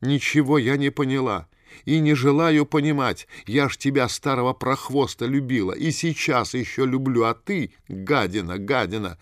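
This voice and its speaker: A man's voice: mid-range voice, measured pace, few pauses, dry recording, studio quality, close to an everyday voice. A man reading an audiobook and voicing a young woman who hurls insults at her ex-lover in a jealous, hysterical rage. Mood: furious, hysterical.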